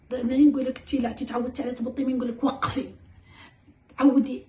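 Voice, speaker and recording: A woman talks quickly and animatedly in a fairly high, mellow voice, acting out her lines to a child as she gives parenting advice. The sound is echoey, like a bare room. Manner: animated, addresses listener as "darling", acts out her own dialogue with the child. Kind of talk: casual advice talk to mothers.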